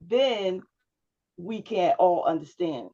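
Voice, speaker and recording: A public speaking instructor, a woman, coaches a student one-on-one by video call, frequently asking "right?" to check understanding. She speaks slowly yet animatedly in a warm, lowish voice, and the sound is lo-fi.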